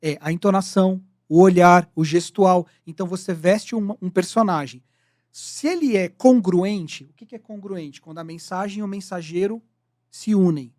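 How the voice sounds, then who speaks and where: A man's voice: high-pitched, normal speed, a little mellow, no room sound, studio quality. A man co-hosting a podcast, teaching sales communication in an explanatory, lecturing manner that defines terms step by step. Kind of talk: casual podcast discussion.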